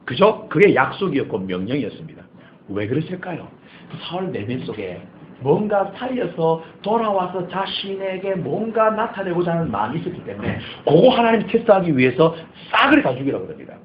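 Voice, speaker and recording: A male pastor preaching a sermon in church, animated and dramatic. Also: on the high side, brisk, lo-fi sound, a little hiss or hum. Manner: animated preaching, acting out scripture quotes.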